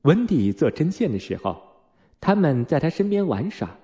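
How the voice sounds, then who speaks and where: A man reading a children's storybook aloud in an expressive, unhurried way. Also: on the high side. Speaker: narrator.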